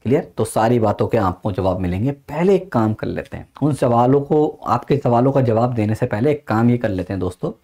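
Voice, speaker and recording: A man teaching a live online exam-prep class, energetic and coaxing, often pressing students for quick replies. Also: mid-range voice.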